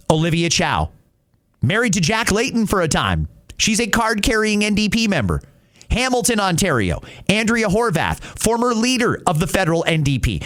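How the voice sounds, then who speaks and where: A middle-aged podcast host with a high, fairly bright voice delivers opinionated talk radio commentary. His manner is emphatic yet conversational.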